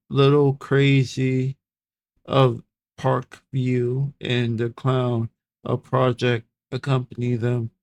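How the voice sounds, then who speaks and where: A man reading an article aloud and reacting to it, stumbling over hard words and repeating them in a halting way. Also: medium pitch, creaky, no echo. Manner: slow, halting delivery. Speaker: streamer reacting to videos.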